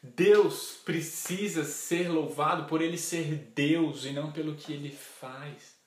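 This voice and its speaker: A man's voice: on the high side, steady tone, slow pace. A man preaching a sermon, earnest and full of questions to his listeners. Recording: echoey room.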